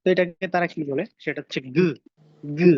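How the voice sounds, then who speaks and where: A man's voice: high voice, fairly even intonation, fairly quick, no room sound, highs cut off. A man teaching a language lesson, patiently drilling pronunciation over slides. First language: Bengali.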